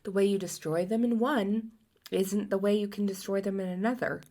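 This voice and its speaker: A woman's voice: medium pitch, steady tone, brisk, dark tone. A sleepy woman co-hosting a podcast in casual chat. She asks curious questions and fills her sentences with little fillers. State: sleepy, yawning. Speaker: podcast co-host.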